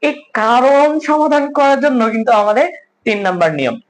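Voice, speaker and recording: A man teaching a class, who asks his students questions and then repeats each answer slowly. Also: very high-pitched, lively intonation, a little hiss or hum, low-quality recording. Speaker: language teacher. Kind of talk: online class lesson.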